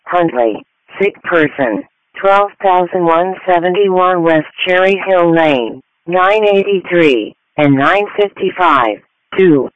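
A man reading formulaic emergency dispatches over a phone-like radio channel in a measured, procedural way. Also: high-pitched, no room sound.

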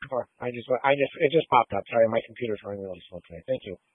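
A male police officer calls in traffic stops and spells out plates in a flat, matter-of-fact way. His voice comes through a narrow, phone-like radio band. The sound is dry and close. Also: medium pitch, rapid-fire, slightly rough, no room sound. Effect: heard over a phone-like radio channel.

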